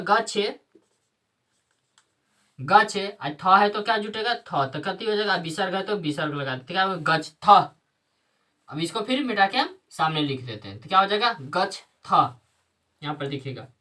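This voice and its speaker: A woman's voice: mid-range voice, a bit bright. A woman teacher explaining a lesson step by step, asking questions and answering them herself. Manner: asks and answers her own questions, repeats each step. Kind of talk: classroom lesson. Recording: voice heard from a distance.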